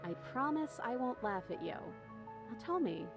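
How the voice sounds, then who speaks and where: A woman's voice: fairly high pitch, big pitch swings, measured pace, vocal fry, exaggerated voice. A woman voicing a chained young princess in a video game, guarded and wry, with game music behind her. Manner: dry, wry, teasing.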